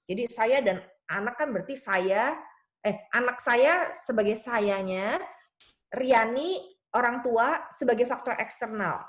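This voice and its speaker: A woman pastor speaks at a seminar in a slightly high voice. She talks conversationally and tells stories with lots of tag phrases. When she quotes someone, her pitch springs up in playful bursts. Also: unhurried. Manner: lively storytelling that leaps high in pitch when quoting others. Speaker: pastor and speaker on children's faith. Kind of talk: seminar talk to an audience.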